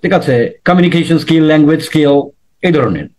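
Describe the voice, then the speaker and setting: High-voiced male teacher explaining slowly. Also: lively intonation, darkish tone. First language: Bengali. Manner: explains with examples, repeats key points, mixes in English phrases. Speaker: IELTS teacher. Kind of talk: lecture-style lesson.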